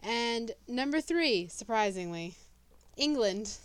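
A woman's voice: on the high side, expressive, slow pace, clean tone, no room sound. A young woman co-hosting a podcast in casual chat, reading out a ranked list and trading playful, teasing banter. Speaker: podcast co-host.

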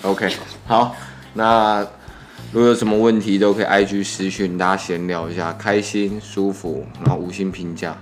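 Low-voiced young Taiwanese man talking with braces. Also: level tone, normal speed. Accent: Taiwanese Mandarin. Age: 20s. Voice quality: slightly muffled articulation from speaking with braces. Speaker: podcast host. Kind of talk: casual chat.

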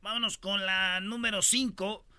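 A man's voice: high-pitched, steady tone, a little slow, sharp tone, clear, resonant tone, no echo, soft background music. A man with a Mexican accent hosting a radio show, joking through a countdown of news items in a slangy, playful way. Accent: Mexican Spanish. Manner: joking, slangy, acts out voices in quotes.

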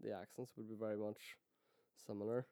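A man's voice: fairly low pitch, flat delivery, brisk, dark tone, no room sound, clean studio sound. A man from County Donegal with a Donegal Irish accent, chatting casually and often repeating words as he gets his sentences started. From County Donegal, Ireland. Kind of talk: casual chat.

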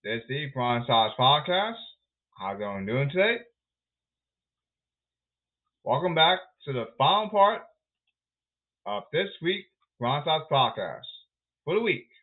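A man's voice: on the high side, big pitch swings, measured pace, long pauses. A man hosting a solo sports podcast rundown, calling out in a repetitive, announcer-like way. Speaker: podcast host. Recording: tinny phone-like sound.

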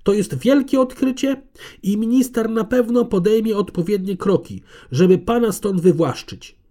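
A man doing a shrill arrogant woman conservator. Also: moderate pace. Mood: furious. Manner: shouting, aggressive and haughty.

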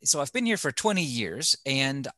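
A man's voice: mid-range voice, very animated, normal speed, a bit bright, no echo. A middle-aged man from Germany with a German accent, a TV host telling stories in a casual studio chat, with many fillers. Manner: storytelling, thoughtful with many fillers.

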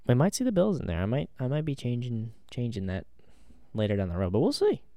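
A man's voice: mid-range voice, huge pitch swings, fast talker, warm tone, no room sound, studio quality. A man co-hosting a podcast, chatting casually about football with an easygoing, hedging manner full of ums and restarts. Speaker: podcast co-host. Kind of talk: casual sports chat.

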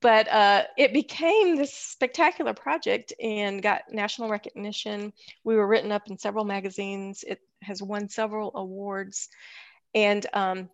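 Gravelly-voiced woman, dry close sound. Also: medium pitch, steady tone, moderate pace, no room sound. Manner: thoughtful, many fillers and restarts. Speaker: podcast guest, architect and firm founder. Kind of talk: casual interview conversation.

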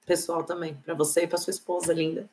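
Low-voiced woman hosting an interview. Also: little pitch movement, fast talker, a little mellow, a little hiss or hum. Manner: friendly and thankful. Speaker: host. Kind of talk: interview host wrapping up.

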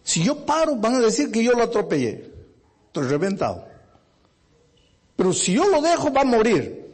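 This is a panicked male taxi driver, put on by a man retelling the story. He cries out high above his normal pitch, husky and breathless with urgency. He begs for help as if a child's life hangs on every word. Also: huge pitch swings, moderate pace, a little mellow, exaggerated voice. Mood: anguished. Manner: frantic, urgent pleading.

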